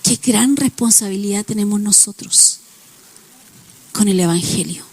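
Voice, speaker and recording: A woman's voice: medium pitch, a little slow, a little mellow, breathy edge. A woman pastor preaching a sermon, illustrating points with everyday examples and acted-out quotes.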